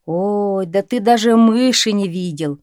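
A woman reading a calm, chiding old father. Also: mid-range voice, unhurried, no room sound, clean studio sound, close to an everyday voice. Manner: calm, plain, gently chiding. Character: patient old father, mildly scolding.

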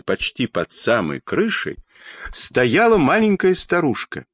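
A man reading a children's storybook aloud with expressive, lively intonation. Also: mid-range voice, slightly rough, no room sound.

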